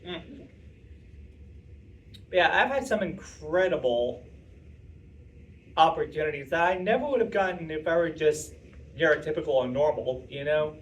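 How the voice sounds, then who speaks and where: Chatty young man, slightly high voice. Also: lively intonation, normal speed, pauses often, highs cut off. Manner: chatty, rambling, self-interrupting with fillers. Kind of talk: casual talk answering audience questions. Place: meeting room with audience. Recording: distant voice with faint room noise.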